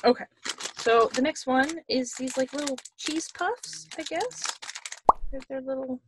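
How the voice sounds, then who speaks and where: A woman's voice: high-pitched, unhurried, noisy background. A woman co-hosting a podcast over a video call, chatting casually while tasting snacks and often repeating her words as she talks. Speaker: podcast co-host.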